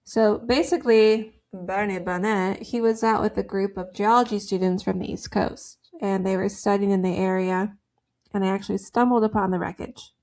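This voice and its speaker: A woman's voice: medium pitch, steady tone, normal speed, a little mellow. Giggly rambling woman podcast host. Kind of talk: casual chat.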